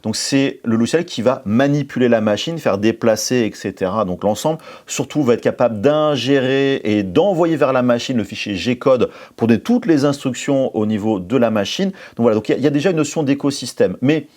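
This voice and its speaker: A man's voice: medium pitch, expressive, fairly quick, few pauses, darkish tone. Hesitant French-speaking man reviewing a machine. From France. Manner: hesitant, many fillers and restarts. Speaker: maker channel host reviewing a CNC machine. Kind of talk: casual product review talk.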